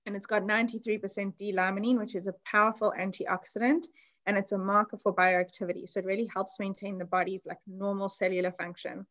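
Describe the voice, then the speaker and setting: A woman's voice: medium pitch, level tone, fairly quick, a bit bright. Chatty woman hosting an online class. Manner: chatty, enthusiastic, explaining. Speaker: class host. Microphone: video call.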